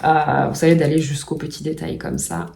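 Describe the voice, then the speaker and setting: A woman vlogging casually at home, gushing with excitement and often restarting with fillers. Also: sits low, normal speed, gravelly, a little hiss or hum. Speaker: puzzle vlogger. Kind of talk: casual vlog chat.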